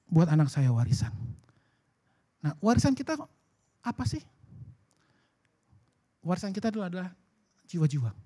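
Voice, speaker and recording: A man preaching. His pitch swings up and down a lot as he talks, and he keeps the sermon casual and chatty, slipping into bits of acted-out dialogue. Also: breathy edge. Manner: lively, colloquial, acts out dialogue. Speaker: pastor. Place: church worship service.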